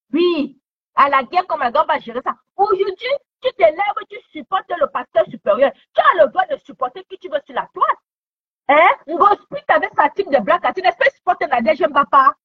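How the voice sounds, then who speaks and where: A woman's voice: extremely high pitch, very animated, normal speed. A woman giving heated commentary online, scolding someone with repeated taunting questions. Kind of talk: heated social media commentary. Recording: dull lo-fi sound.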